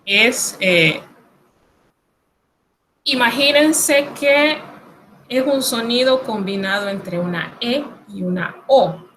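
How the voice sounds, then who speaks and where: Pitched on the high side and a bit bright, a woman speaks slowly and pauses often. She is recording a lesson in Spanish on French pronunciation, with a Latin American accent, calmly reassuring her listener as she breaks down each sound. The recording is rough, with slight background noise.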